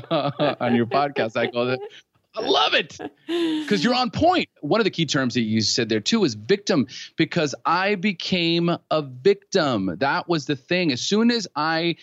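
The recording is dry and dully lo-fi, and the voice fairly high-pitched: a middle-aged man from California, United States, guesting on a podcast. He tells his own story candidly and with lots of feeling, animated, frank and laughing easily.

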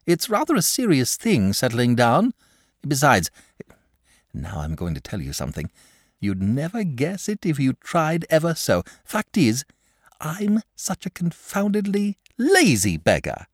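A man's voice: on the high side, huge pitch swings, measured pace, dry recording, studio quality, voice pushed up, heavily acted. A man voicing a lazy, talkative, genial male dragon in a fussy, hasty, old-fashioned manner. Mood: chatty.

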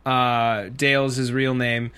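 A young man hosting a casual TV recap chat, animated and jokey, sometimes slipping into goofy sing-song bits. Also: medium pitch, takes it slowly, clear, resonant tone. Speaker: host.

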